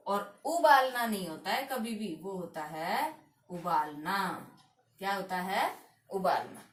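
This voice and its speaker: A woman teaching a grammar lesson, drilling each word slowly and answering her own questions on her words. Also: mid-range voice, lively intonation, a bit bright. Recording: echoey room, voice from a distance.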